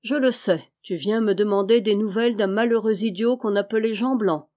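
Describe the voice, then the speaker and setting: A woman reading the lines of a calm, secretive male charcoal burner in a storybook, measured and even. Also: mid-range voice, close to an everyday voice.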